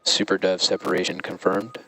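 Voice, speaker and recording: A man, a launch controller, giving flat repeated callouts over a mission radio loop. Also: sits low, fairly quick, gravelly, a little hiss or hum, rough recording.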